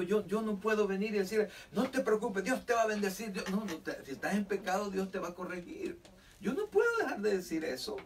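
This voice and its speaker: Fervent preaching man, distant mic. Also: sits high. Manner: fervent preaching with rising emphatic peaks. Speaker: pastor. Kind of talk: sermon. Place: church. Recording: distant mic with faint noise.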